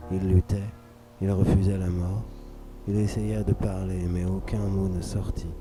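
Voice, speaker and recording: A man reading a scripted dramatic story for radio in a measured, solemn, literary way. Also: deep voice, little pitch movement, dark tone. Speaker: narrator. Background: music under the voice.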